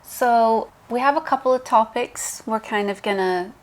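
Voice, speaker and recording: A woman's voice: on the high side, a little slow. A woman co-hosting a podcast as a professional piercer, explaining steadily with frequent ums. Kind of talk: casual chat.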